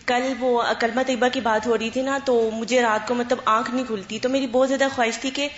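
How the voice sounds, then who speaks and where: Brief: woman student, chatty and hesitant, a bit high-pitched, echoey lo-fi room. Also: steady tone. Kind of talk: sharing in class discussion. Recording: roomy, dull lo-fi classroom recording.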